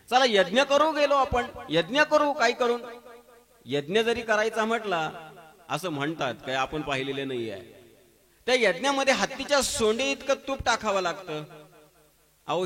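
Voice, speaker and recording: A man's voice: high voice, fairly bright tone. A man with a Marathi accent preaching a devotional sermon at a temple gathering, telling stories with humor and emphatic exclamations. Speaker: kirtan preacher.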